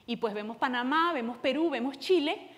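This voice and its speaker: A woman from Venezuela speaks on a conference panel, explaining her points in a hurried way with many fillers. Her voice sits slightly high. The sound carries a long reverb from a large conference hall. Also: fairly bright tone. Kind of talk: conference presentation.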